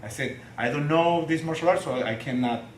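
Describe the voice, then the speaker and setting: Halting man with a Chilean accent. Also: on the high side, reverberant, over a noisy crowd, poor audio. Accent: Chilean Spanish. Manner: halting, many restarts and fillers. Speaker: guest, martial artist. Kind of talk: casual interview.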